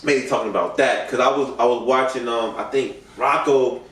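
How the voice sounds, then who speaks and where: A man's voice: mid-range voice, moderate pace, fairly bright tone. A man hosting a casual podcast chat, talking in loose slang and leaning on "you know what I'm saying". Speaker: podcast host. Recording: roomy echo, mic far off.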